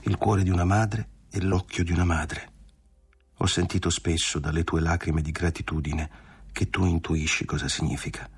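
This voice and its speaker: A man voicing a calm, resigned dying mother in a literary audiobook, with a quiet, solemn delivery. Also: sits low, normal speed, breathy edge, exaggerated voice.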